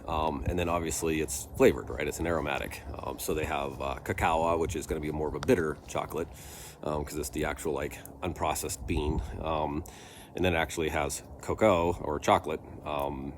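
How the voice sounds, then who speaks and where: A man giving a casual, rambling product review, thinking aloud haltingly with trailing pauses. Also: rumbling low. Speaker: pipe tobacco reviewer. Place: outdoors in a light breeze. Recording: breezy outdoor vehicle-like background noise.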